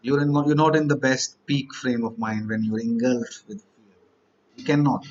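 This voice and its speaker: A man's voice: mid-range voice, fairly even intonation, normal speed, a little mellow, lo-fi sound, slight background noise. A man, teaching exam candidates in a motivational lecture, stacking up rhetorical questions and repeated lists.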